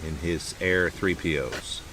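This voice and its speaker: A man giving playful, mock-serious play-by-play commentary, hyping small moments with deadpan drama. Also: deep voice, unhurried, gravelly, a little hiss or hum, low-quality recording.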